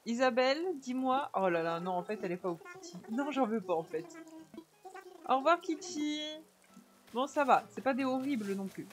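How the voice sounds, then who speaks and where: A woman chatting softly with viewers while she streams a video game on a headset mic. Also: on the high side, lively intonation, fairly quick, hardly any pauses. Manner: soft-spoken, chatty with viewers. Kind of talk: casual live-stream chat while playing. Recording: game music under the voice. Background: game music.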